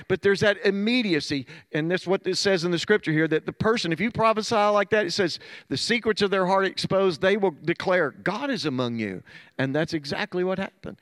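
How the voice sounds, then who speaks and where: A middle-aged pastor preaching a sermon, telling stories earnestly and dropping to soft low tones. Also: male voice, dry recording.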